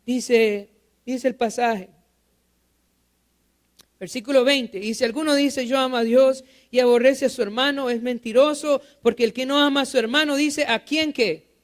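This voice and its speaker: A man delivers a church sermon in a strikingly high voice. He keeps asking his listeners questions and then answers them himself. He drives his points home by repeating them. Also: fairly even intonation, normal speed. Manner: asks the congregation rhetorical questions and repeats key phrases. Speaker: pastor.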